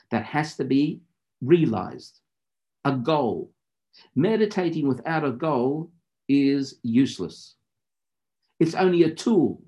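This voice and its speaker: A man teaching meditation in deliberate, measured phrases, in the instructive style of a spiritual lecture and guided practice. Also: medium pitch, mellow.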